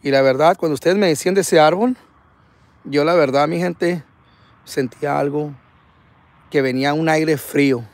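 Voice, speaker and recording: Man, gravelly fairly high voice, dry close sound, excitable slangy live ghost-hunt host. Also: moderate pace, long pauses, no echo. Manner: excitable, slangy, reads viewer comments aloud. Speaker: paranormal livestream host. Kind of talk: live ghost-hunting stream. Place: outdoors at night by a tree.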